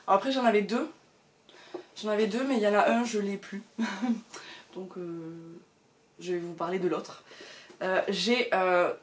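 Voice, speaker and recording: Chatty woman vlogging about books. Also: mid-range voice. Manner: chatty, many hesitations and fillers. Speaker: book vlogger. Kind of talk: casual chat to camera. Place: at home.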